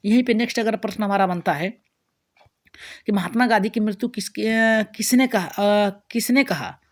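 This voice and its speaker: A woman teacher with a Bihari Hindi accent, running an exam-prep lesson as rapid question-and-answer drills, often restarting her words. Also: mid-range voice.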